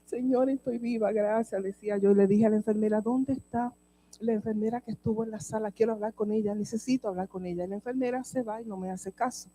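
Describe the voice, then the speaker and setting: A woman's voice: mid-range voice, fairly even intonation, fast talker, mellow, low-quality recording. A woman preacher telling a personal testimony in a sermon, speaking with emotion and addressing the congregation directly.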